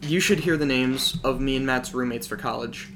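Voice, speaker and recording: A man's voice: medium pitch, normal speed, a bit bright, slight background noise. A young man guesting on a casual podcast, rambling with lots of filler words. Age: young adult. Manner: rambling, many "like" fillers, crude jokes.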